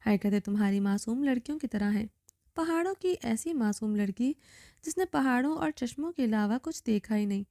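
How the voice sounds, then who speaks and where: A domineering young man , read out by a woman narrator, issues cold, clipped orders in a storybook reading. The voice stays somewhat high and mellow. The sound is dry and close. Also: animated, dry recording. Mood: cold commanding. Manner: icy, commanding.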